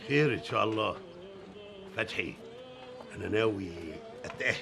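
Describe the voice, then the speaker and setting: A gravelly old Egyptian father. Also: on the low side. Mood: scolding. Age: older. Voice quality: gravelly, bossy, quick-tempered. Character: stubborn old Egyptian father set on remarrying. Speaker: father of a grown son. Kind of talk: TV drama acting. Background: background score music.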